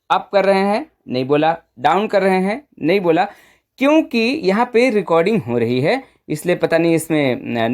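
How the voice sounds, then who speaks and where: A woman presenting an informal step-by-step phone tutorial, conversational and often checking in with short tag questions. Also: mid-range voice.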